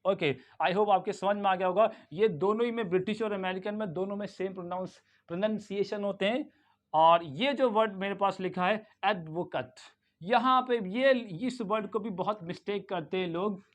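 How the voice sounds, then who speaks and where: A man with a Lucknow Hindi accent teaching English pronunciation. He asks the class questions, answers them himself, and repeats words slowly with emphasis. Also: sits high. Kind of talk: classroom-style pronunciation lesson.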